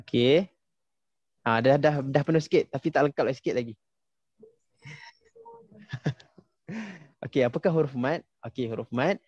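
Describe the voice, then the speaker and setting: A young Malaysian man, a tajwid teacher, runs a casual online class, patiently quizzing his students and filling gaps with "ha" and "okey." His voice is medium-pitched, a little slow and husky, with a darkish tone and long pauses. The audio is dull, with no room sound.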